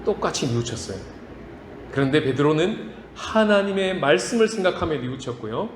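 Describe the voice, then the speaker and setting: Animated preaching man in an echoing church. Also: a little high, normal speed, slight background noise. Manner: swings from hushed to loud emphatic preaching. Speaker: pastor. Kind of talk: sermon. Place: church sanctuary. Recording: reverberant church hall, faint ambience.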